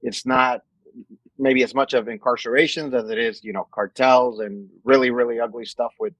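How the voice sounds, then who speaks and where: Male guest from Mexico, about forty, mid voice, deliberate answers, dry recording. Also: mid-range voice, fairly even intonation, fairly bright tone, dry recording, rough recording. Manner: measured, restarts phrases while thinking. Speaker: guest, company executive. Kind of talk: casual interview.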